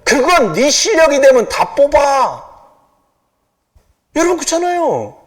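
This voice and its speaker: A man preaching a sermon as a pastor, moving from hushed asides to loud urging. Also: very high voice, a little slow. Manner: lively, swings from hushed asides to loud exhortation. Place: church sanctuary.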